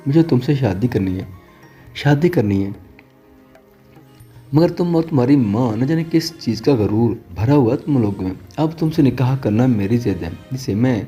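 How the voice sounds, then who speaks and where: A man's voice: mid-range voice, warm tone, husky. A man reading an audio novel, voicing an obsessive, threatening young man in a harsh manner.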